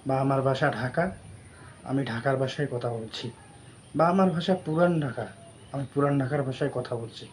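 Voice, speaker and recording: Slow, earnest man speaking. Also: mid-range voice, darkish tone, slight background noise. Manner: earnest, deliberate, pausing between phrases. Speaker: social media creator. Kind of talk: reflective spoken monologue.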